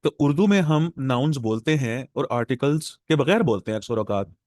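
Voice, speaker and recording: A man's voice: medium pitch, lively intonation, darkish tone, no echo, clean studio sound. Pakistani man teaching a class. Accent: Pakistani Urdu. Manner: explanatory, repeats words slowly to drill pronunciation. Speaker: English professor lecturing exam aspirants. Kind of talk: classroom lecture.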